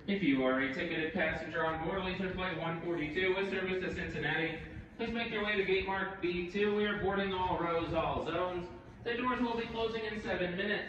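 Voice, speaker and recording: A man's voice: high voice, a little fast, a bit bright, recorded from a distance. A man making a formal airline boarding announcement over an airport intercom. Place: large indoor airport concourse. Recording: echoey, noisy, dull airport PA from afar.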